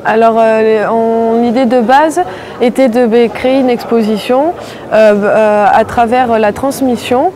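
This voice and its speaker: A woman's voice: on the high side, steady tone, a little slow, dark tone. A woman co-organizing an exhibition, answering hesitantly with many fillers. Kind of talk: interview answers. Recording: crowd chatter.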